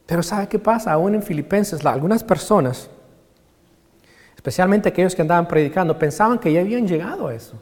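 A male pastor preaching a sermon with passion, swinging from hushed lines to loud exclamations. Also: sits high, animated, fairly quick. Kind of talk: Spanish-language sermon. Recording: long reverb of a large hall.

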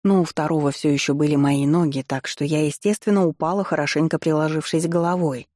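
A narrator reading a first-person fantasy story aloud in a wry, expressive manner with ironic asides. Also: mid-range voice, fairly quick, no echo, clean studio sound. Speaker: audiobook narrator.

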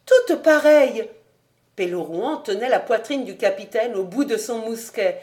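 A woman narrating a classic French novel as an audiobook reader, in a steady storytelling manner. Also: medium pitch, moderate pace. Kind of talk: literary narration.

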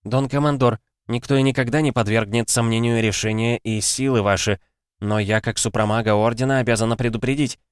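A man voicing an anxious female high sorceress, deferential and pleading. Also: steady tone, fairly quick, clean tone, no room sound, clean studio sound, natural voice.

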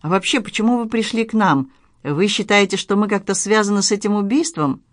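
A woman's voice: mid-range voice, fairly quick, no room sound, clean studio sound, pitched above the performer's own voice, close to an everyday voice. A reader voicing a sardonic, easily irritated middle-aged woman in an audiobook. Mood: defensive. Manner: indignant, sardonic.

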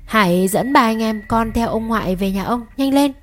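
A woman's voice: a little high, moderate pace, close to an everyday voice. A woman voicing a tearful aunt who soothes a child and urges the family to leave. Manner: choked, sobbing consolation. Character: tearful aunt, consoling yet hurried.

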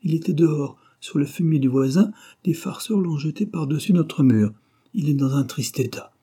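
A man's voice: fairly high pitch, normal speed, dark tone, breathy edge, voice pushed up. A man voicing a mild, jovial middle-aged husband who teases his friend in a read-aloud novel. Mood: amused teasing.

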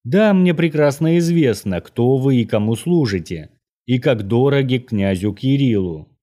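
A man voicing an old Norwegian mage, courteous and menacing, who speaks in a measured, formal, lecturing way. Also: mid-range voice, expressive, mellow, lightly acted.

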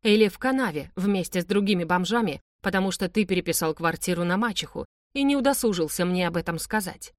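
A furious young woman, as a woman narrator plays her hisses and lashes out with biting sarcasm. The voice is fairly low and the recording dry, right at the mic. She is tense and accusing throughout. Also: expressive, fast, hardly any pauses, dry recording, close to an everyday voice. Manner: hissing, caustic, shouting.

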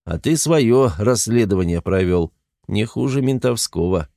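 A man voicing a graying crime boss in his fifties, speaking in a velvety, trained announcer-like voice, unhurried and quietly menacing. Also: fairly low pitch, lively intonation, gravelly, no room sound, clean studio sound. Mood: calm, knowing. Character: graying fifty-something male crime boss, calm and commanding. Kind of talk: audiobook character voice.

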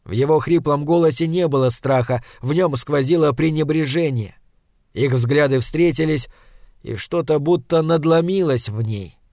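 A man narrating a literary audiobook in a steady, even storytelling manner. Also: a little high, normal speed, no echo, studio quality.

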